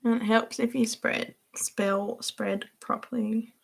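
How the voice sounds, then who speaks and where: A young woman hosts a relaxed livestream, chatting as she goes and giggling often. Her voice has a touch of gravelly fry, and she answers viewers by name in a friendly, rambling way. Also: fairly high pitch, takes it slowly. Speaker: livestream host. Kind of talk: casual livestream chat while journaling.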